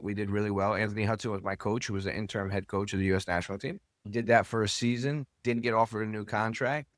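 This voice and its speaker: Guesting on a podcast, this American who owns and coaches a soccer club speaks in a lowish, slightly bright voice, recorded dry in studio quality. He swaps stories casually and frankly, in colloquial talk with the occasional curse.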